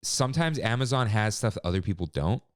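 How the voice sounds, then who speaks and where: A man co-hosting a casual chat podcast, animated and laughing often as he acts out quotes. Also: lowish voice, quick pace, dry recording, clean studio sound. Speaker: podcast co-host.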